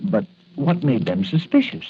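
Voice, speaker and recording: A man acts out a kindly older doctor in a 1940s radio serial. He questions things hesitantly and with fatherly concern, his pitch rising and falling widely. The sound is muffled, with old recording noise. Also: sing-song, moderate pace, warm tone, lightly acted. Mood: puzzled, questioning.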